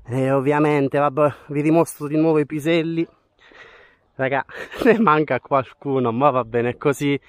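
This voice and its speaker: A man's voice: fairly high pitch, fairly even intonation, normal speed. A man, chatting enthusiastically to viewers in a casual countryside vlog, filmed outdoors and indoors on an action camera. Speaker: vlogger farming in the countryside. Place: outdoors on a farm plot and in a small rural room. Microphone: wide-angle action camera held or worn.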